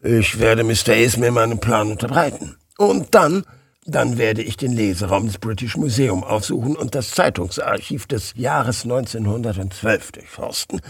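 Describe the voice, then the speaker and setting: A man voicing a composed, deliberate male detective in an audiobook. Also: breathy edge, dry recording, studio quality. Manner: composed, deliberate, lower-pitched. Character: calm, measured male detective. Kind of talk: audiobook character voice.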